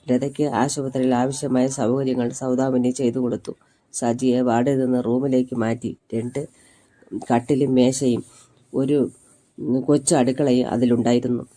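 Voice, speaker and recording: A man narrating a serialized story in a steady, measured reading voice. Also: mid-range voice.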